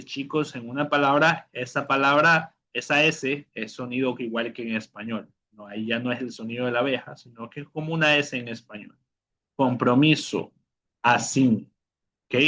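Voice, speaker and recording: A man's voice: medium pitch, moderate pace, pushed and bright. A man teaching a beginner language class, drilling pronunciation, repeating words and checking in with "ok?". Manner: calls on students by name. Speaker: Portuguese teacher.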